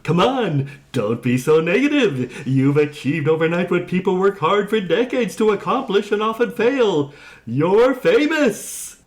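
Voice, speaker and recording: A man's voice: a little high, very animated, measured pace. A man voicing a cheerful male friend who keeps encouraging, in a chipper, reassuring way. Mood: excited.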